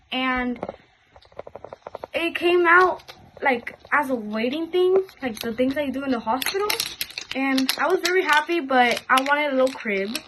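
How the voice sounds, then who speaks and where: A woman's voice: high-pitched, noisy background. A woman chatting informally to her viewers as she hosts a casual toy unboxing vlog. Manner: informal, repeatedly addressing viewers as "guys". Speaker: host of a toy unboxing video.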